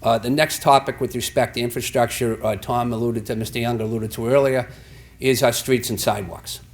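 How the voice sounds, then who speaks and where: Halting man giving a town address. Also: medium pitch, steady tone. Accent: Boston area. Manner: halting, frequent restarts and fillers. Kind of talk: formal public address. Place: town meeting hall.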